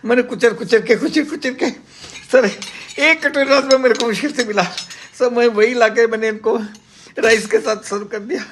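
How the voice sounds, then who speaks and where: A man's voice: very high voice, steady tone, moderate pace, fairly bright tone, slight background noise, voice pushed up. A man voicing a young restaurant waiter who makes rambling, apologetic excuses. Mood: pleading.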